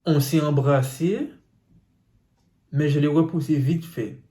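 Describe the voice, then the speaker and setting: A man's voice: on the high side, slow, warm tone. A man reading out viewer secrets on his phone and reacting to them with teasing asides. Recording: roomy echo.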